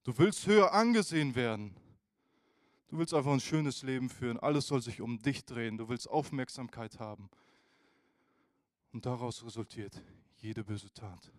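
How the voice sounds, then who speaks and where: Casual, animated male preacher. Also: medium pitch, normal speed, no echo, clean studio sound. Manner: informal, animated, addresses listeners directly. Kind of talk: casual youth sermon.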